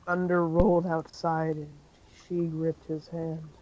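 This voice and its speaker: A man's voice: fairly high pitch, level tone, takes it slowly, a little mellow, dull audio. A man reading a fan-fiction story aloud in an amateur style, with occasional slips and self-corrections.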